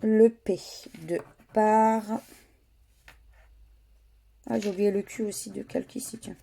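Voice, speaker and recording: A woman giving slow, methodical running commentary as she scratches lottery tickets, spelling out letters one by one. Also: medium pitch, fairly even intonation, creaky, warm tone, slight background noise.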